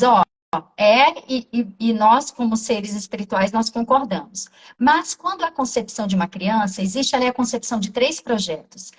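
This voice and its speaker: A woman with a Brazilian accent, a therapist in an interview, telling a client's story in a lively way and acting out the dialogue. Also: fairly high pitch, distant mic, rough recording. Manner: animated, acts out quoted dialogue.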